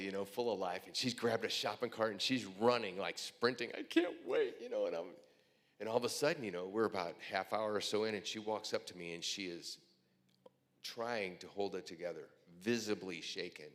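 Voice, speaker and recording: A deep-voiced male pastor gives a heartfelt speech at a breakfast event, telling stories earnestly and growing quiet and emotional at times. The recording carries a long hall reverb.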